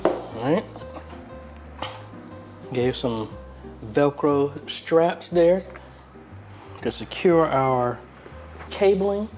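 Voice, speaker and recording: With soft music underneath, this US video host, who also serves in a church media ministry, chats through an unboxing indoors in his apartment, unscripted and thinking out loud. He sounds a little high and slightly mellow, with lively intonation, drawn-out words, and many pauses.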